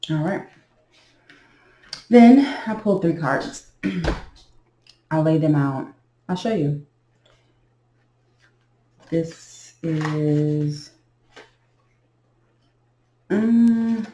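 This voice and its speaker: Slow, low-voiced woman reading tarot. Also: warm tone, reverberant, a little hiss or hum, low-quality recording. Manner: slow, halting, thinking aloud. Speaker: tarot reader. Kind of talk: casual tarot reading vlog.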